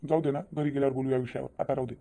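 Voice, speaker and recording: Man voicing cartoon cheating husband, dark mellow tone, rapid talk. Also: medium pitch, flat delivery, close to an everyday voice. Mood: evasive. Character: sly cheating husband, caught between wife and lover. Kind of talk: cartoon voice acting.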